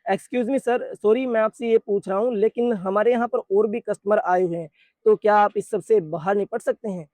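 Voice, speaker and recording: A polite young shop worker who apologizes as he stumbles over his words, as a man voices him. The voice sits fairly high and sounds dry and close. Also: steady tone, normal speed, darkish tone, dry recording, close to an everyday voice. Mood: apologetic. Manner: hesitant, apologetic.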